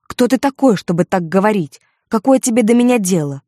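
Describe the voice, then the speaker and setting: A woman's voice: lowish voice, normal speed, dark tone, dry recording, clean studio sound, natural voice. Woman voicing a bitter, despairing outlaw. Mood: indignant. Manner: bitter, indignant outbursts. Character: despairing, passionate grown male outlaw. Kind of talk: audiobook character voice.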